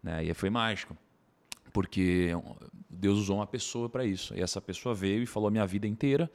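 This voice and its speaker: A man, a podcast guest telling a personal story in animated casual conversation. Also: lowish voice. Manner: animated, tags sentences with quick asides.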